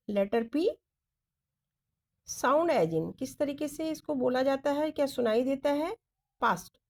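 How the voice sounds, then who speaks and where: A woman teaching shorthand, going through each letter slowly and repeating the strokes as she writes them. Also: fairly high pitch, darkish tone. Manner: deliberate, repeats letters and directions while writing. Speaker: stenography teacher. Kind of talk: slow step-by-step lesson explaining shorthand strokes.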